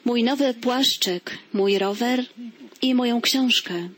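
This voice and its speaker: A woman's voice: a little high, takes it slowly, slight background noise, voice pushed up. A woman voicing a timid, ashamed young boy who stammers through his words. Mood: eager. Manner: stammering, tearful.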